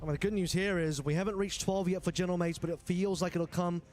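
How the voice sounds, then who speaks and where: A man's voice: sits high, fairly even intonation, fast talker, darkish tone, soft background music. A man giving live esports commentary as a match caster.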